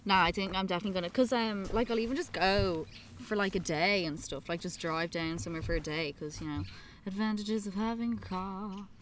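A woman in relaxed banter, laughing often while chatting outdoors. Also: mid-range voice, a little fast, slight background noise. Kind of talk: casual chat. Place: outdoors, walking.

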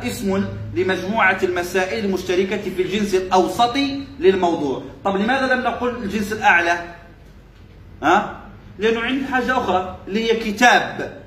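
A man's voice: high-pitched, a bit bright, echoey room. A male religious teacher giving a classroom lesson, repeating key phrases and quizzing his listeners with short questions.

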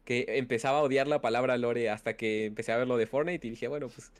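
A man's voice: mid-range voice, fairly even intonation, fast talker. A man with a Mexican accent chatting casually as a content creator, rambling and quoting his commenters. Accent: Mexican Spanish. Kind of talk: casual chat.

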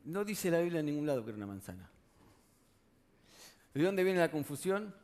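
A man's voice: fairly high pitch, very animated, fairly quick, a little mellow. A man with a Rioplatense Spanish accent preaching a sermon in a conversational way, often putting rhetorical questions to the congregation.

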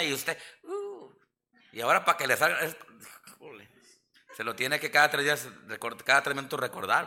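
Mexican pastor guy preaching in church, kinda high and super bright voice, jokey and folksy. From southern Mexico. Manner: folksy, joking, asks the congregation for amens. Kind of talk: sermon.

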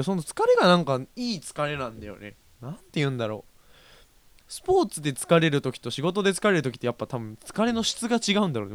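Chatty young man with a smooth voice. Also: on the high side, no room sound. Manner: chatty, rambling, self-correcting, laughs often. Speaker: podcast host. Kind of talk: casual solo radio-style talk.

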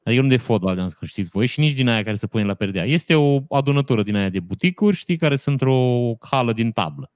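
A man talks in a casual chat at an ordinary, mid-height pitch. He lays out technical points at length and drops in deadpan jokes. The sound is close and dry, with no room around it. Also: hardly any pauses, clean tone, no room sound. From Romania.

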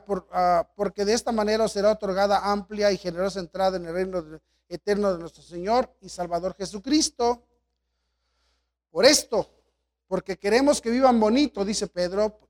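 A man preaching a sermon as pastor, swinging between loud exhortation and quiet storytelling asides. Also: high-pitched.

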